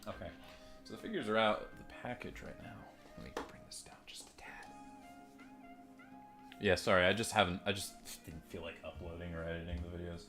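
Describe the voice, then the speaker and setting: A man's voice: little pitch movement, a little fast, a bit bright, soft background music. A man reviewing toys in a casual, rambling, self-deprecating way, swearing offhand. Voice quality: deep voice. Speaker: toy reviewer. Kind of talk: casual unboxing chat. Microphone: desk microphone and phone mic.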